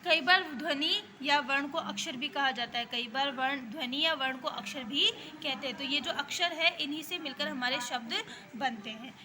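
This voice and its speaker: A female school teacher with an Indian accent gives young children a grammar lesson in a high voice at normal speed, with background noise audible. She explains each point patiently and repeatedly, checking often that they follow.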